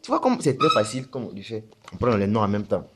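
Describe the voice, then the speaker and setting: Animated man explaining in casual chat. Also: lowish voice, quick pace, noisy background. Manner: animated, rhetorical questions. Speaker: spiritual teacher.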